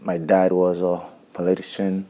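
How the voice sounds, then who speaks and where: This is a Haitian-accented man in his forties with a deep, low voice, sitting as a musician guest in a television studio. He speaks English slowly and reflectively, often stopping to restart a thought partway through. He is picked up close and clean on a lapel mic. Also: completely flat delivery, warm tone. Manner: halting, reflective, many restarts. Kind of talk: interview. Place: TV studio set.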